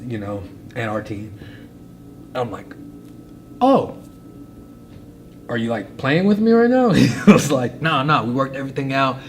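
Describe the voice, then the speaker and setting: A young man with a fairly low voice tells his story in a loose, rambling way, packed with fillers and repeated phrases. He gets animated as he goes. There is a faint hiss under the recording. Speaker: podcast guest, fighter. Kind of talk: casual storytelling.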